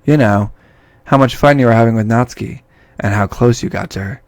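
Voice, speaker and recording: A man reading game dialogue aloud, voicing a cheerful but fragile teenage girl with a raised, soft girlish voice. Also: medium pitch, a little fast, dry recording, lightly acted. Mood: sweet.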